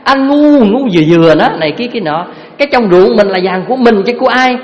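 A man voicing an angry wife who scolds her husband in a shrill, raised voice. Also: lively intonation, fairly quick, in a large hall, muffled recording. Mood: scolding.

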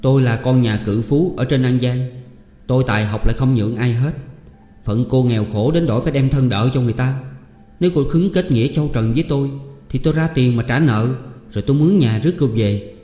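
A man voicing a boastful, pushy rich young male scholar who talks loudly. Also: medium pitch, fairly quick, lightly acted. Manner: pleading and boastful, loud. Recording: echoey room with long reverb.

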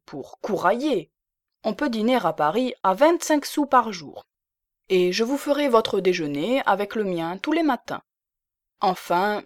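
A woman's voice: medium pitch, no echo, clean studio sound. A woman voicing a poor, proud and jealous spinster who speaks firmly and possessively. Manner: firm, bargaining, possessive.

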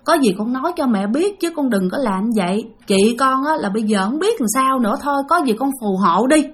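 A woman voicing an anxious older mother who quietly begs her dead daughter's spirit for help. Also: a little high, animated, a little fast, breathy edge. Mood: imploring. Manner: quiet and imploring.

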